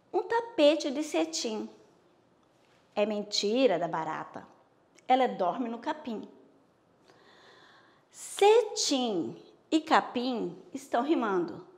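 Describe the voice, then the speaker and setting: A woman primary school teacher with a Bahian accent, giving a slow, patient recorded lesson and checking in with her pupils often. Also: fairly high pitch, long reverb tail. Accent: Bahian Brazilian Portuguese.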